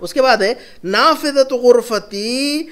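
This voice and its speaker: A man with an Urdu accent leads a language class, his voice pitched high and his delivery slow. He repeats each phrase patiently and checks that his students follow. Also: fairly bright tone. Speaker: Arabic teacher. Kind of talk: classroom lesson.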